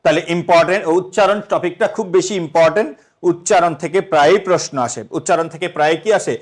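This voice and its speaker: A man's voice: high-pitched, fast. A young man teaching an exam-prep lesson, asking the students questions and then answering them himself.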